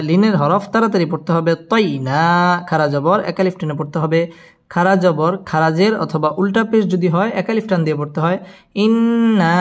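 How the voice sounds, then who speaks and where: A man teaching Quran recitation. He patiently spells out letters and syllables, then chants the verses in long drawn-out melodic lines. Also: sits high.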